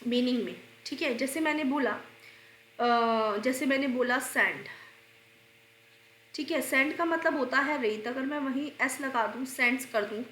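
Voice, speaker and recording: Unwell teacher lady, high voice, slow, keeps asking and answering herself. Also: fairly bright tone, echoey room, a little hiss or hum. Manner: explains slowly, repeats answers, asks and answers own questions. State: unwell, coughing and clearing throat. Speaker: English grammar teacher. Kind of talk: exam-prep grammar lesson.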